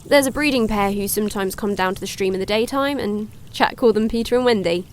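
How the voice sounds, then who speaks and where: An actress playing a cheerful young woman hosting a woodland wildlife livestream, chatty and excitable. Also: mid-range voice, a little fast, slight background noise, close to an everyday voice. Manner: chatty, excitable, gasps at sightings. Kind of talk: audio drama, chatty live-stream narration.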